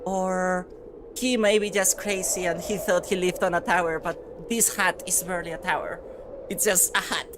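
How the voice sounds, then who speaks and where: A woman game master narrating a tabletop game in a relaxed way, with chatty fillers. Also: fairly low pitch, moderate pace, noisy background.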